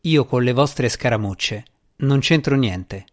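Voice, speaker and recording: A man's voice: mid-range voice, slow pace, natural voice. Bartimeus, a man doing a mocking djinni. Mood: sardonic. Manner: mocking, theatrical sarcasm. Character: sarcastic boastful male djinni spirit in boy form. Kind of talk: audiobook character reading.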